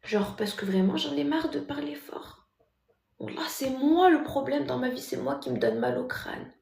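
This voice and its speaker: A woman chats live to her viewers, teasing and mocking them. Her voice sits a little high with a gravelly, fry-laden edge. The phone picks her up in a roomy, echoing space. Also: very animated, normal speed. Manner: chatty, mocking, talks loudly by habit. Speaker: livestreamer. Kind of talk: casual live-stream chat.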